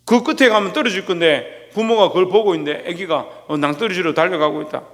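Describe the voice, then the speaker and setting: A male pastor with a fairly high voice delivers a sermon, firing rhetorical questions at his listeners and calling on them by name. His voice rings out in a church hall with a long reverb tail. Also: fast talker. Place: church sanctuary.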